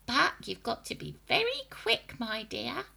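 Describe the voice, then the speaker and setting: A wicked old grandma hag for a storybook: husky, throaty whisper, slow, relishing menace. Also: female voice, big pitch swings, sharp tone, heavily acted. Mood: menacing. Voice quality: high, creaky, whispery and throaty. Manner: slow, gloating, relishing each word.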